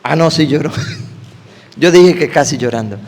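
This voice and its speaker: A man preaching an animated sermon, firing quick questions at his listeners. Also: on the high side. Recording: long hall reverb.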